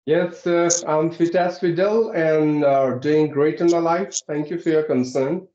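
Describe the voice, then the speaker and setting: A man's voice: on the high side, unhurried, warm tone. A man from Uttarakhand, India who hosts an English-teaching channel, explaining politely in a conversation practice call. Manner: polite, explaining, frequent "right?". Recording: echoey, dull lo-fi sound.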